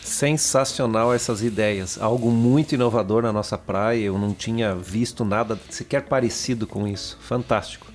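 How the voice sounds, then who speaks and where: A man's voice: fairly low pitch, normal speed, few pauses. A man co-hosting a podcast who reacts with upbeat praise and puts questions to the guest. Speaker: co-host. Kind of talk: casual podcast talk.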